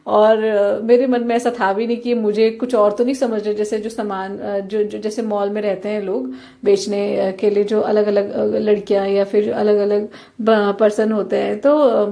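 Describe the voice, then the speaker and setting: Earnest young woman, mellow voice. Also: mid-range voice, gravelly. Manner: earnest, addresses listeners directly. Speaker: devotee sharing a personal experience. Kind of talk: devotional testimony.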